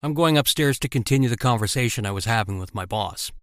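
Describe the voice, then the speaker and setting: A man's voice: medium pitch, lively intonation, quick pace, dry recording, studio quality, close to an everyday voice. A man voicing a sneering villain. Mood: taunting. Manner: sarcastic, taunting. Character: sneering villainous middle-aged male captor. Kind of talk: animated story voice-over.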